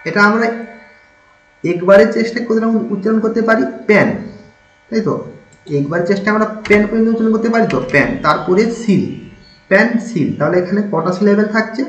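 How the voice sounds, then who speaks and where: A man teaching an English lesson, patiently spelling words letter by letter and asking checking questions. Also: high voice. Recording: dull lo-fi sound in an echoey room with faint noise.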